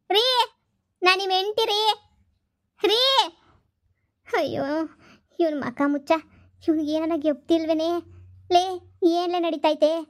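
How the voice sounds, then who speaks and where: A woman's voice: high voice, dry recording, natural voice. A woman playing a pleading, nagging village wife and daughter in a comedy skit.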